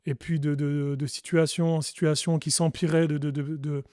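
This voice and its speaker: The speaker, a French pastor and podcast guest from France, is sharing his testimony in an interview. His voice is a little high and a little mellow, with a level tone and moderate pace. He sounds earnest and reflective and keeps restarting, and the studio sound is clean with no room sound.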